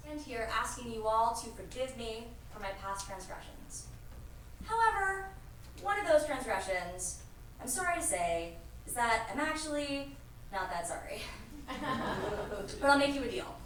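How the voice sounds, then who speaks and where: A woman's voice: sits high, a little hiss or hum. Woman telling a comic story on stage. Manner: deadpan confessional, acts out dialogue. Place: performance stage. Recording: echoey room, far from mic.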